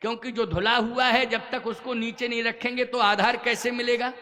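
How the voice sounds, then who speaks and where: A gentle, patient god-king who speaks calmly and with soft indulgence, as a male preacher voices him. The voice is very high and bright, only a little softer than the narration. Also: moderate pace, long reverb tail.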